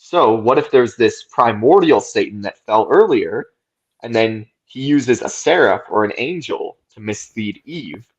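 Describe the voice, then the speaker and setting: A man's voice: mid-range voice, expressive, measured pace, husky. Guy on a podcast going on and on explaining stuff, keeps saying right?, kinda muffled audio. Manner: thoughtful, explains at length with frequent "right?". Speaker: podcast co-host. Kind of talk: casual podcast discussion.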